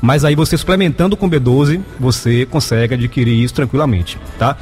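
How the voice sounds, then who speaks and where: A man's voice: mid-range voice, brisk, a little mellow. A Brazilian man giving explanatory health advice as an expert guest, didactic and often checking in with short tags. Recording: echoey room, music behind. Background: music.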